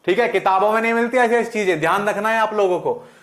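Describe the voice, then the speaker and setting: A man's voice: high voice, fast talker, fairly bright tone, echoey room. A male Hindi teacher with a western Uttar Pradesh accent, giving a lesson and answering his own questions again and again. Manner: repeats questions and answers them himself. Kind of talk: classroom lesson.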